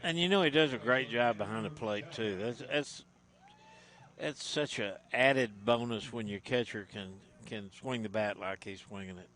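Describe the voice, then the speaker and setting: A man giving color commentary on a baseball game, relaxed and conversational. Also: lowish voice, moderate pace.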